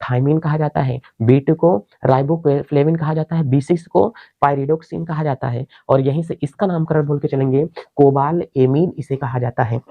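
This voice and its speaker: A man's voice: a little high, fairly even intonation, moderate pace, hardly any pauses, no echo. Male teacher, exam-prep lecture, step-by-step explaining, asks and answers himself, dry close sound, slightly muffled.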